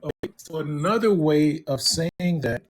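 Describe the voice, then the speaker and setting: Slow, patient male English tutor. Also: on the high side. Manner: patient, encouraging, talks while typing. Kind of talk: one-on-one online English lesson.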